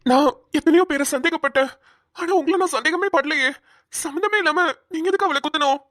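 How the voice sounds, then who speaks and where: A woman's voice: high-pitched, a little fast, a bit bright, dry recording, clean studio sound. A woman voicing an earnest, protective young male police officer in a cartoon, talking urgently and stammering at times. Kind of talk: cartoon voice acting.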